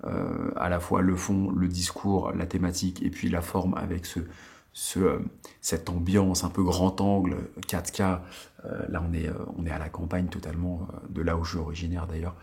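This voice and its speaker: A man's voice: low voice, level tone, moderate pace, gravelly, a little mellow. A man in his late thirties from France, hosting a watch vlog in casual chat, rambling with many fillers and restarts, recorded in a countryside attic. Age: 30s. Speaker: watch channel host. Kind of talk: casual vlog talk to viewers.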